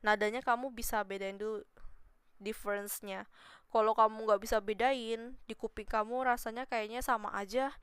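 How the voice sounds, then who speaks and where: A woman's voice: fairly high pitch, steady tone, moderate pace, clear, resonant tone, dry recording, clean studio sound. A woman teaching Mandarin on a casual live stream, chatty and patient, modelling tones by repeating syllables.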